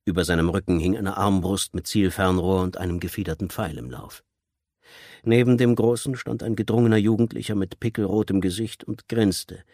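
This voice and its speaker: A man narrating an audiobook in a measured, tense storytelling manner. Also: sits low, a little mellow, dry recording, studio quality. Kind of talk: scripted narration.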